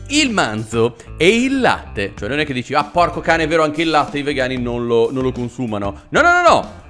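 Animated sarcastic man reacting. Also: a little high. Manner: sarcastic, exasperated, mock outrage. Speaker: video reaction host. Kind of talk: casual comedic commentary.

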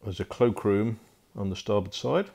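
Male broker, low gravelly voice, casual unscripted tour with lots of fillers, phone-recorded indoors. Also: animated, moderate pace, darkish tone. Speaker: boat broker. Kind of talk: walkthrough tour narration. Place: inside a wooden barge cabin.

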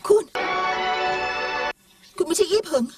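An actress dubbing a fragile, heartbroken young woman in an older film melodrama, speaking softly and gently. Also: takes it slowly, over music, close to an everyday voice. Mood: uncertain. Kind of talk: Thai dub of a 1960s film melodrama. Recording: distant voice over film score.

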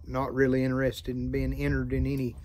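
A middle-aged man with an American Southern accent chats casually to camera outdoors. His pitch is average for a man. He rambles in a folksy, unhurried way, like a hobbyist vlogger catching viewers up. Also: monotone, a little mellow. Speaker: vlogger and hobby pipe maker. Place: outdoors by a farm field.

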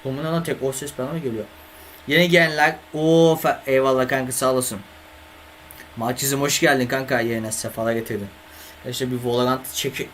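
A man's voice: medium pitch, a bit bright, a little hiss or hum. A young man streaming games live, chatting casually with viewers and grumbling at his computer, from a home setup on a desk microphone. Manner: swears and grumbles at the computer, talks to chat. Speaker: gaming streamer.

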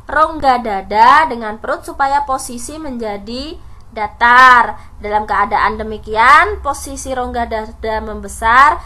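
Woman teacher talking really slow, bright clear voice, keeps saying ya and nah as she explains. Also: on the high side. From Indonesia. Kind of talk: recorded classroom lesson.

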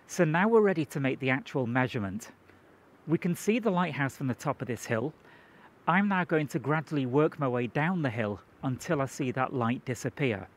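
Animated but steady in pace, the mid-range voice belongs to a video presenter in his forties who explains things conversationally and methodically. He's recorded outdoors and in a moving car, with the ambient noise of both clearly captured.

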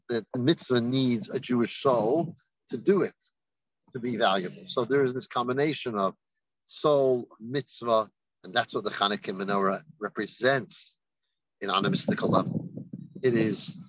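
A man giving a rabbi's holiday message, telling a story in an unhurried way and lifting his voice for the people he quotes. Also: mid-range voice, fairly bright tone, no room sound, muffled recording. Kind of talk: sermon with storytelling.

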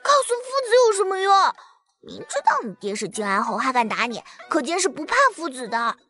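A woman's voice: fairly high pitch, sing-song, fairly quick, a bit bright, breathy edge, heavily acted. A bossy fierce little girl. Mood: indignant. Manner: scolding, indignant.

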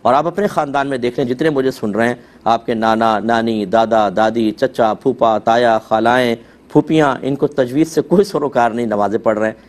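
Calm middle-aged mufti explaining. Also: male voice, mid-range voice. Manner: calm, measured, explanatory, pleading tone. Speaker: mufti answering viewers' questions. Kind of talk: religious Q&A talk show.

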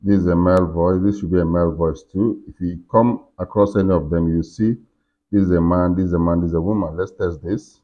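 A tutorial host in his forties speaks quite quickly in a low, steady voice, casually narrating each on-screen step of some software as he works through it. He records indoors in a furnished room, and the audio is a bit dull and lo-fi.

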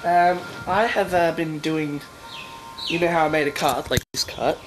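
A man's voice: fairly high pitch, fairly even intonation, unhurried, over music. A young man with a blocked nose and sore throat, rambling and laughing through a casual video diary from home. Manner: rambling, chatty, laughs often. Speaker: vlogger. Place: at home, indoors. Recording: echoey room with background noise.

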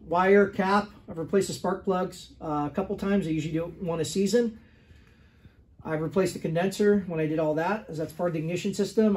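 Higher-voiced man walking through a workshop bike. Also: darkish tone. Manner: plain, matter-of-fact listing of details with fillers. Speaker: restoration shop owner selling a motorcycle. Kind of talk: casual product walkaround. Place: indoor motorcycle workshop.

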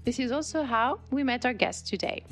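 A woman hosting a podcast, reading a smooth, scripted introduction of the guest. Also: high voice, expressive, a little fast, a bit bright, soft background music. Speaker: podcast host narrator. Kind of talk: scripted narration.

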